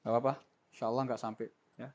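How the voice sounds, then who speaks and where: A man's voice: medium pitch, level tone, racing. A male teacher giving a tajwid lesson to a class, explaining patiently, asking questions and having students repeat after him. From Indonesia. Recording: dull lo-fi recording.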